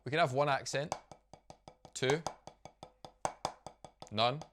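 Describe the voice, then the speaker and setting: A man's voice: mid-range voice, slow, music in the background. A man teaching a drum lesson at a practice pad, upbeat and explanatory, counting rhythms aloud. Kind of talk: instructional video lesson.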